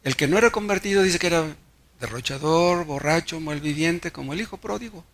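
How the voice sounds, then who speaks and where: A man's voice: fairly high pitch, a little fast, fairly bright tone. A Mexican pastor preaching a sermon, telling stories and asking the congregation rhetorical questions, often repeating words as he restarts.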